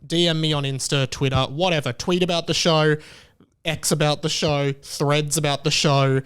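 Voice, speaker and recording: Chatting casually on his own podcast, this male host has a fairly high, smooth voice with a steady tone and a fairly bright quality, at a normal pace. His delivery is rambling and candid, and he keeps interrupting himself to begin sentences again.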